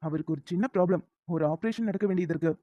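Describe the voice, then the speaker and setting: A woman voicing a calm male doctor. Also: on the low side, lightly acted. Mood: reassuring. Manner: gentle, measured, professional. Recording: dull lo-fi sound.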